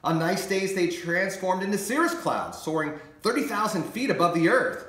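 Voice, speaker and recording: Man reading a kids' story aloud, lively pitch swings, slightly high voice, echoey room. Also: normal speed. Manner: expressive, animated storytelling. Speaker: meteorologist and author reading his book. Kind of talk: children's story read-aloud.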